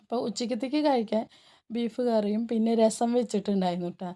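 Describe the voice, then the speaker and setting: A woman with a Palakkad Malayalam accent, chatting casually in a home vlog voice-over, speaking softly and slowly because of a sore throat and tagging her sentences with little friendly words. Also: a little high. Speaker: cooking and home vlogger.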